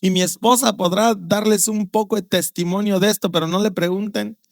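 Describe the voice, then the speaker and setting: A male pastor with a Guatemalan Spanish accent preaching a sermon, telling stories with vivid acted-out voices and dropping low and quiet on serious points. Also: steady tone, fairly quick, vocal fry, no echo. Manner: storytelling, acting out quoted voices with sudden loud outbursts.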